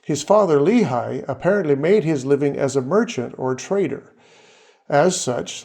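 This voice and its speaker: This man hosts his own series and narrates from a script, calmly working his way through names and facts. The pitch is medium, with some creakiness in the voice.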